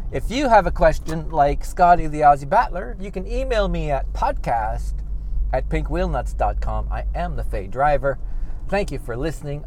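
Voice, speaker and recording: A man's voice: a little high, darkish tone. Rambling male podcast host, faint background noise. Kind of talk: casual rambling monologue. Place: out and about in and around a car. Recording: faint outdoor and vehicle noise.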